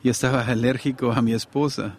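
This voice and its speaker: Gravelly-voiced man preaching a sermon. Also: mid-range voice, fairly even intonation, brisk. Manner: conversational, asks the listeners for agreement. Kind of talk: sermon to a congregation.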